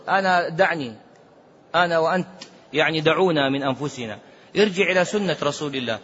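High-voiced man preaching in a lo-fi recording. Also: slight background noise. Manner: animated, swings from loud emphasis to low muttering asides; chants quoted hadith in a drawn-out sing-song. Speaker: Islamic scholar giving fatwas. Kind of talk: religious lecture. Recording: dull lo-fi lecture recording.

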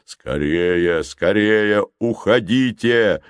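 A man's voice: lowish voice, steady tone, slow pace, dry recording, studio quality. A man reading an audiobook voices a huge, kindly giant who barks urgent commands.

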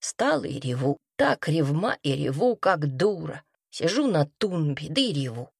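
Low husky woman reading a folksy tale. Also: very animated, normal speed, no echo, studio quality. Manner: folksy, chatty storytelling, acting out quoted speech. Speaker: reader. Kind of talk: performed reading of a first-person folk tale.

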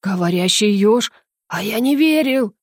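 A woman's voice: medium pitch, steady tone, dry recording, clean studio sound, lightly acted. A woman voicing a flustered burly male guard who stammers and drags out his words in an audiobook. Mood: amazed. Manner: stammering, drawn-out, loud whispers.

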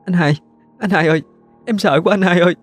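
A man's voice: fairly quick, soft background music, natural voice. A man doing a frightened young woman in labor. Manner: pleading, high and fearful.

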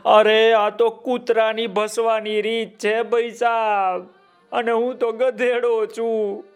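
A man's voice: sits high, little pitch movement, slow, smooth, soft background music. A man voicing a simple, tearful male donkey who has forgotten how to bray, pleading in a raised voice. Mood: polite.

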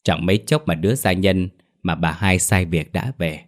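Very low-voiced man narrating a ghost story. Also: moderate pace. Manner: voices every character himself.

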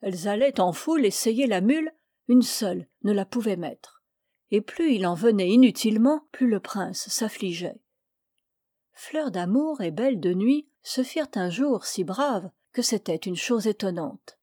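Mellow woman reading a fairy tale. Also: mid-range voice, lively intonation, a little slow, dry recording, studio quality. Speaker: reader of fairy tales. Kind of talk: storybook reading.

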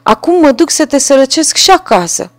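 A woman's voice: very animated, no echo. A woman voicing a spiteful, vengeful little sparrow that jeers at a man in a storybook reading. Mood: taunting. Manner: shrill, jeering taunts.

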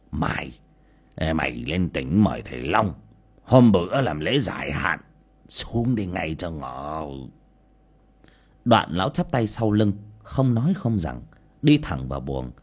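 A man narrating a scripted horror story in a dramatic, expressive way. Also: on the low side, husky. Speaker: audiobook narrator.

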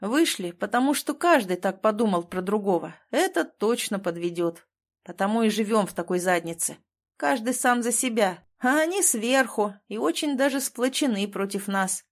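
A woman's voice: medium pitch, lively intonation, moderate pace. Woman reading as a bitter, stubborn man. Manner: curt, bitter.

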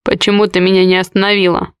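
A woman reading the lines of a brooding, harsh young man in an audiobook, in a low, curt, growling voice. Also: flat delivery, quick pace, smooth, no echo, studio quality, close to an everyday voice. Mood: grim.

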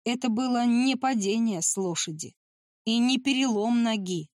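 A woman reading a tense adventure novel as an audiobook narrator, in steady storytelling. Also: on the high side, normal speed, dry recording, clean studio sound.

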